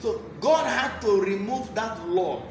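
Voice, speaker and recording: Taking his time, a man with a Nigerian accent preaches a Bible lesson in a high, animated voice, repeating key phrases emphatically. The room echoes and background noise is clearly audible.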